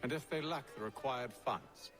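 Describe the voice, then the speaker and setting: An actor playing a composed male leader who speaks formally and deliberately in a game. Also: medium pitch, lightly acted. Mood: probing. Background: game music.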